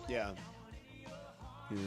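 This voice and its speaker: A man's voice: very slow, over music. A man hosting sports radio with casual banter, making his points in an emphatic, colloquial way.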